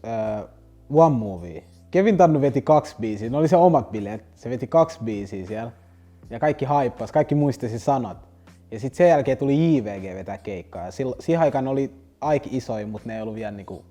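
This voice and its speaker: Young male rapper, rambling anecdotes, dark mellow voice, faint music bed. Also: mid-range voice. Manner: loose, rambling slang-heavy telling with restarts. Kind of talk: casual storytelling interview.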